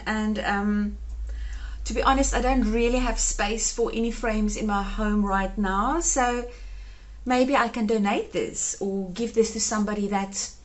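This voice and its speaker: A home organizing vlogger in her thirties, whose first language is Afrikaans, speaks in a fairly high voice over a little hiss or hum. She chats through her decluttering vlog, gushing about keepsakes.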